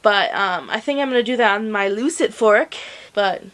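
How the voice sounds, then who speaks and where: A woman's voice: mid-range voice, animated, normal speed, fairly bright tone. A young woman chatting to camera in a casual crochet vlog, slangy and swearing freely, on a plug-in mic at home. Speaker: crochet vlogger. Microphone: plug-in desk mic.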